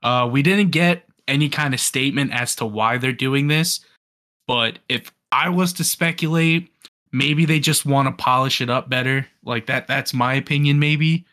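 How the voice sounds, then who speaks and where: A young man co-hosting a casual gaming podcast, talking excitedly and rambling with frequent restarts. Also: mid-range voice, moderate pace. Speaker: podcast co-host. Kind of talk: casual gaming news chat.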